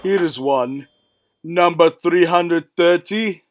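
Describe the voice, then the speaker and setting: A man's voice: a little high, slow pace, slight background noise. A man voicing a brash, showy race announcer hyping up a crowd.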